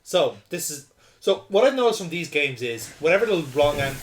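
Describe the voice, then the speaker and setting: A man's voice: a little high, big pitch swings, moderate pace. A man hosting a playthrough with casual gaming commentary. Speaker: host playing a game.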